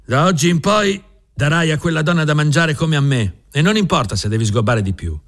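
A man's voice: on the high side, animated, a little fast, voice pushed up, lightly acted. A man reading an audiobook plays a cocky, reckless seventeen-year-old who talks brashly. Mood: commanding. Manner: brash and dismissive.

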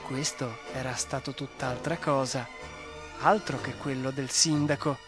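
Slow, expressive storybook narrator. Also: mid-range voice. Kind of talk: audiobook narration. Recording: dry studio voice over soft music.

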